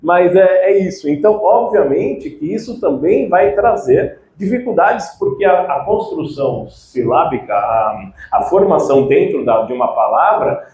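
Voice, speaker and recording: Man, informal lecturer, chatty and animated, slightly high voice, reverberant room. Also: a little slow. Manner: animated, conversational, frequent "né" tags. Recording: echoey room with faint background noise.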